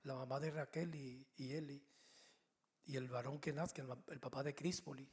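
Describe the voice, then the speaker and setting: A middle-aged male pastor preaching a sermon, telling personal stories with humor and lively delivery. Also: medium pitch, normal speed. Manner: animated storytelling with humor.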